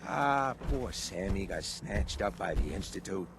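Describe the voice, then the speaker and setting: Video game watchman,, low swaggering voice, scornful, lively intonation. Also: a little slow, full character voice. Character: cocky, hard-bitten, scornful neighborhood watchman. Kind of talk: video game character acting. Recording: clear background noise, game ambience.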